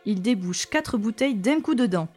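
A woman reading a children's story aloud in a lively, expressive way. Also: a little high, moderate pace, over music.

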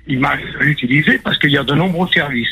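Bright, husky older male radio caller. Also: fairly high pitch, fast talker, rough recording. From Sicily, moved to France at ten. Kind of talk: explaining a complaint in conversation.

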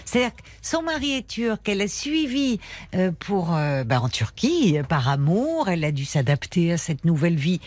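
A woman's voice: fairly low pitch, very animated, moderate pace, darkish tone, no room sound. A woman hosting a live call-in radio show, talking with hesitations and restarts. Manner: hesitant, many fillers and restarts.

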